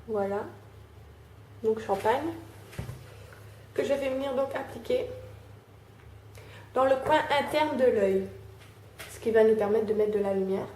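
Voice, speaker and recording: Young woman, higher voice, mellow tone, chatty makeup tutorial in an echoey room with faint hiss. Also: measured pace, long pauses. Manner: chatty, fills with "euh" and "hein", talks while applying makeup.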